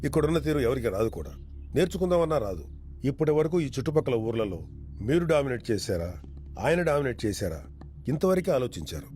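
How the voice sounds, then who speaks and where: An actor playing a commanding man who gives weighty, measured speeches full of sayings in a film drama. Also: medium pitch, very animated, a little mellow, slight background noise, close to an everyday voice. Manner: measured, proverb-laden speech. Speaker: political leader. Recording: film dialogue over music score.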